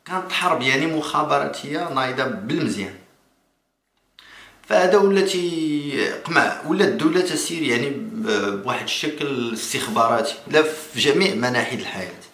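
A man in his thirties with a Moroccan accent, giving spontaneous political commentary to camera in a halting way, repeating and restarting phrases. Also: medium pitch, lively intonation, a bit bright. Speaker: political vlogger. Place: small indoor room. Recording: echoey room.

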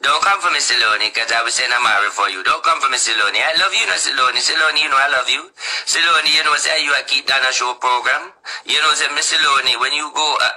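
Jamaican guy doing vlog commentary, middle pitch, very sharp bright tone, goes on and on. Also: fast, low-quality recording. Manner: rambling, talks straight to the people he discusses. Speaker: vlogger. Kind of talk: casual commentary.

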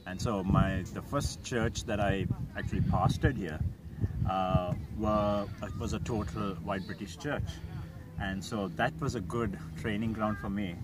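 A man's voice: lowish voice, fairly even intonation, a little slow, recorded from a distance, very noisy. A man in his forties from Sri Lanka, a pastor, speaking hesitantly with many fillers in an outdoor interview. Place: open hilltop outdoors.

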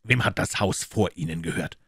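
A man doing Sherlock Holmes, low and dry. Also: gravelly, a bit bright, breathy edge, no echo, heavily acted. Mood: cool ironic. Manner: low, measured, dryly ironic. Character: Sherlock Holmes, cool calm detective, man.

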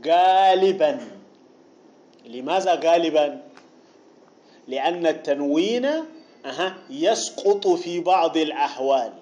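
A man teaching a grammar text, explaining deliberately, repeating key phrases and asking the listener questions. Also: on the high side, warm tone. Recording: dull lo-fi recording.

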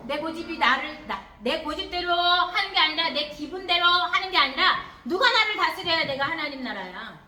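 Woman Sunday school teacher, very high and lively voice, animated children's sermon, echoey church hall. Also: moderate pace, hardly any pauses. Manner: animated, questioning the children, acting out little voices.

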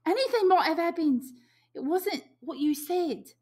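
A woman voicing an anxious, stubborn boy in an audiobook, shrill, excited and insistent. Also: a little slow. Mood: frantic, excited. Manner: excited, insistent, ungrammatical schoolboy talk.

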